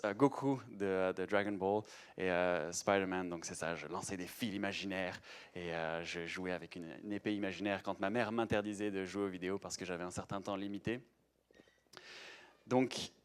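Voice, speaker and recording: A young man giving a live presentation to an audience in a lecture room, chatty, with many hesitations and restarts. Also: fairly low pitch. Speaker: conference speaker.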